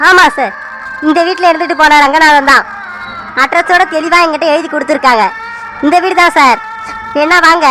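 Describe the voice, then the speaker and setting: A woman voicing a young male hospital messenger in a cartoon who speaks in a matter-of-fact, hurried way. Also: high voice, sharp tone, low-quality recording.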